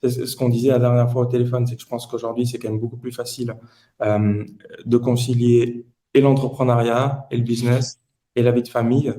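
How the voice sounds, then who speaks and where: This podcast guest is an entrepreneur in his late twenties from Toulouse in southern France, answering questions in a conversational way. He has a medium-pitched, warm voice with a level tone and talks a little fast.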